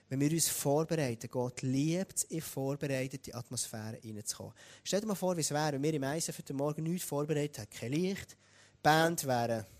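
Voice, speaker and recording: Give me a Swiss German man preaching a lively sermon in a fairly high voice. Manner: lively, speaks straight to the congregation. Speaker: pastor.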